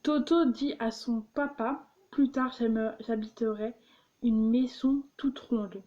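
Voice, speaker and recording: A young woman reads jokes out loud at a slow, unhurried pace and keeps stumbling and correcting herself as she goes. Her voice sits a little high, and the recording sounds dull and lo-fi. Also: fairly even intonation. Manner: giggly, stumbling, explaining jokes. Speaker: vlogger. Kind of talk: reading jokes aloud.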